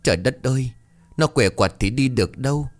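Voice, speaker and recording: A man's voice: mid-range voice, expressive, a little fast, pitched above the performer's own voice, lightly acted. A man voicing a distraught old village woman who wails and pleads as she talks. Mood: wailing. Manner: wailing, distraught. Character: frantic old village woman, grieving wife.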